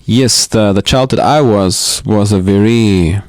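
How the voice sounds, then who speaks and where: A man from Austria talks through his life story as a podcast guest in a living room. His voice sits fairly low, and he pauses often with ums and restarts as he thinks aloud. The sound is close and dry. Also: dry recording. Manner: hesitant, reflective, with many ums and restarts. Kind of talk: casual interview talk.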